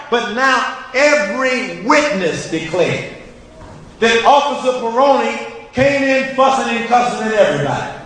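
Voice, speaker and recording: A man with a high voice preaches in an emphatic, rhythmic cadence, stacking repeated phrases as he addresses his listeners directly. He takes his time, letting each line land. The sound is heavy with echo, as if captured in a large hall with a long tail of reverb. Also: pushed and bright. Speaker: teacher and ministry student giving an address.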